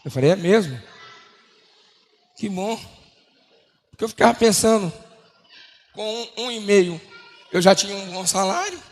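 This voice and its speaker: A man from Brazil giving a sermon testimony, telling his story and acting out the dialogue with shifting pitch. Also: lively intonation, measured pace, long pauses. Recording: long hall reverb.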